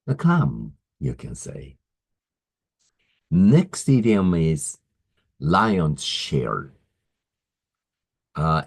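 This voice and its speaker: A man teaching English idioms in a slow, explanatory lesson, pausing often with "uh" as he works through examples. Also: deep voice, creaky, a little mellow, slightly rough, poor audio. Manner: deliberate, pausing, frequent "uh" fillers.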